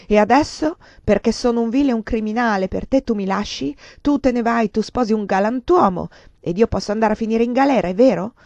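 A woman voicing a desperate, furious man, a ruined lover turned thief, shouting bitter accusations. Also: fairly high pitch, brisk, few pauses, no echo, pitched above the performer's own voice, natural voice. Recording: dull lo-fi dry recording.

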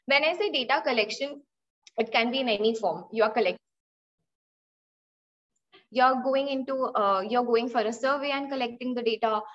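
Her voice is on the high side, at normal speed with long pauses, as this young Indian woman with an Indian English accent leads an online data analytics class. She gives examples, asks students questions, and tends to repeat or restart phrases, recorded indoors on a laptop mic over a video call with dull lo-fi quality.

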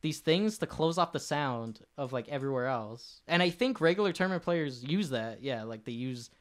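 A man's voice: mid-range voice, expressive, normal speed. A young man co-hosting a casual podcast, telling a story in a rambling way, full of fillers and asides. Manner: rambling, many fillers and laughs. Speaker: podcast co-host.

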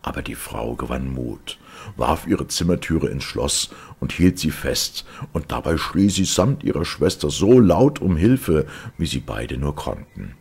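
A man reading a fairy tale aloud in a dark, theatrical and expressive style. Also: very deep voice, gravelly, husky. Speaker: audiobook reader.

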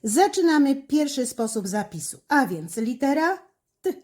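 A middle-aged woman teacher explains a handwriting exercise stroke by stroke. Her voice sits a little high and moves up and down a lot as she guides young pupils. She talks slowly and carefully, with small fillers between steps. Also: very animated, darkish tone. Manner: slow, careful, instructive, with fillers. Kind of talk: handwriting lesson with step-by-step commentary.

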